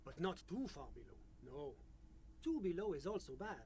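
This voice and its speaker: An actor playing a prim, unflappable male financial official with a French accent and a measured, bureaucratic delivery. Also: sits high, big pitch swings, a little mellow, a little hiss or hum. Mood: composed.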